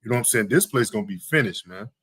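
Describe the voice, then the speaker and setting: His voice runs fairly low but bright-ish and breathy, rapid-fire with lively intonation and no echo. As host of a live talk show podcast, he delivers heated, preachy religious points, emphatically repeating "you know what I'm saying."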